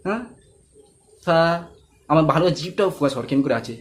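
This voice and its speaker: A man's voice: a little high, animated, brisk. A man teaching Quran letter pronunciation, patiently repeating each sound and asking learners if they understand. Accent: Bengali. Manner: patient, repeats sounds many times for students; addresses learners directly, asks check questions. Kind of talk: step-by-step pronunciation lesson.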